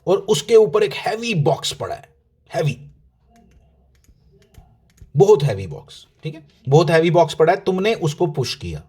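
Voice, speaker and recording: A man's voice: fairly high pitch, sing-song, a little slow, pauses often, darkish tone, slightly rough. A male physics teacher explaining a lesson to his students in a casual, direct way, mixing English terms into his speech, repeating key points and asking questions that he answers himself.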